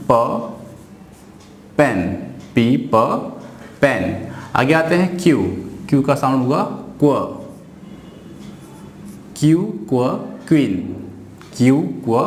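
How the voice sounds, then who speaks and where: A man teaching children the phonic sounds of letters, repeating each sound and asking questions as he corrects mispronunciations. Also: mid-range voice. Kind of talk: slow phonics lesson for children. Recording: echoey room with faint noise.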